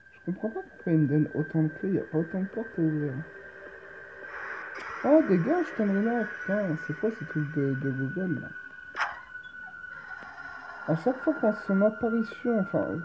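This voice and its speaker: A woman's voice: sits low, muffled recording, slight background noise. A woman giving casual, slangy gameplay commentary as a gamer host, grumbling at the game. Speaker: gamer host presenting horror games.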